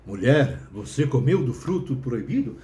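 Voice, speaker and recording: Man doing a stern deep God, questioning, low booming voice, roomy echo. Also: sing-song, normal speed, warm tone, lightly acted.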